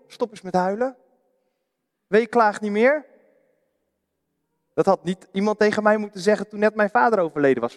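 A man from the Netherlands preaching a sermon, his voice a little higher than most men's. He speaks earnestly, often asking a question and answering it himself, and his words ring on in a church hall with a long reverb.

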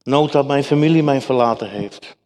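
A man's voice: medium pitch, normal speed, darkish tone. A man preaching a sermon to his congregation, emphatic and repetitive, speaking to them directly. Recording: echoey hall with long reverb.

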